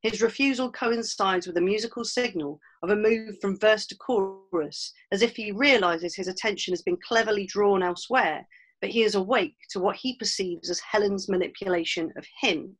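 A woman presenting a scripted academic analysis in a measured manner. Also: mid-range voice, slightly rough.

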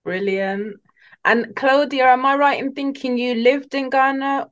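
A woman interviewer asking quiet, brief questions and follow-ups. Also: sits high, steady tone, measured pace. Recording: dull lo-fi sound.

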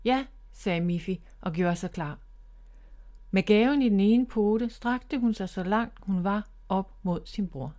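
A woman who writes children's books, reading her own story aloud in a clear, gentle way. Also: medium pitch. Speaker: children's author and narrator.

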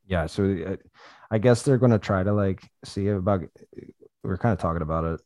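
A man with a low, grounded voice talks in loose, profane casual chat, laughing often as he tells stories. The sound is close and dry, with no room around it. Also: moderate pace, darkish tone, dry recording.

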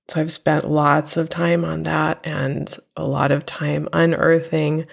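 A woman hosting her own podcast from home, talking in a reflective, unhurried way with a nasal voice from a cold. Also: sits low, vocal fry. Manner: reflective, unhurried, with fillers and soft laughs. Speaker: podcast host and teacher. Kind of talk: personal podcast monologue. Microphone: home podcast mic.

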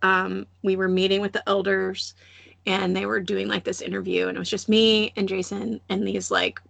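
A woman in her thirties hosts a relaxed faith podcast and tells personal stories with lively energy, slipping into other voices as she goes. Her voice has a slight gravelly fry. The sound is close and dry. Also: medium pitch, moderate pace, no room sound. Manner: animated storytelling, acts out voices and laughs often. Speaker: podcast host. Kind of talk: casual faith podcast chat.

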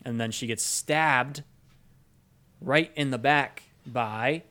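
A man's voice: medium pitch, slow pace, pushed and bright. A man co-hosting a casual movie review podcast, rambling through a plot recap with frequent ums and uhs. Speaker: podcast co-host.

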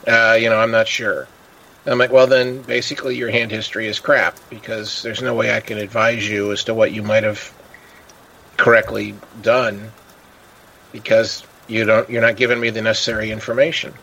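A man's voice: medium pitch, sharp tone, slight background noise, low-quality recording. A man chatting casually as a podcast host, telling stories and acting out the people he quotes. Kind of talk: casual chat.

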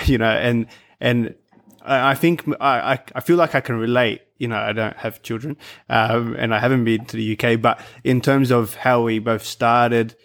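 Male host, average pitch, casual and meandering. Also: steady tone, a little slow, fairly bright tone. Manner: hesitant, thinking aloud. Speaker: podcast host. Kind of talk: casual interview.

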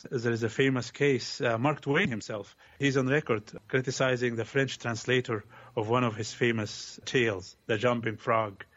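A translation scholar talks in a lively, opinionated way, dropping quick asides. His voice sits in a middle pitch on a slightly dull-sounding recording. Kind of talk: conversational interview.

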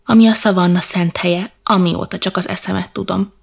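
A woman's voice: lowish voice, gravelly. A woman voicing a small, cheerful, eager male badger in a children's storybook. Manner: excited, exclaiming. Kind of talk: storybook character voice.

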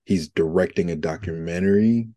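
Deep, mellow-voiced podcast man. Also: moderate pace, no room sound. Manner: relaxed, chatty, says "like" often. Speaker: podcast co-host. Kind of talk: casual film discussion.

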